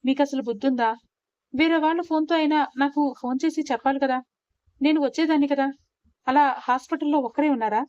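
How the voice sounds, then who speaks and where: An emotional young newlywed wife who scolds and sulks in a high, pleading voice, put on by a woman narrator. The recording is dry and a bit dull. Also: a little fast, smooth, no echo, lightly acted. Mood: tearful scolding.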